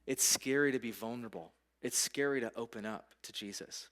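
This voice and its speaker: A man giving a casual, conversational sermon as a pastor in a church, his delivery swinging from hushed to urgent. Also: mid-range voice, brisk.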